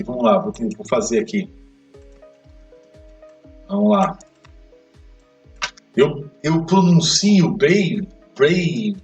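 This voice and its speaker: A man teaching an English grammar lesson, explaining step by step and checking in with quick questions. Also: mid-range voice. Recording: echoey room, mic far off, faint music.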